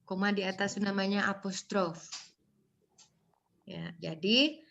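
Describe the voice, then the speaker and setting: A woman's voice: medium pitch, fairly even intonation, a little slow, gravelly, fairly bright tone, muffled recording. A woman lecturing on English phonology in a casual online class, chatty and joking with students, mixing in English terms.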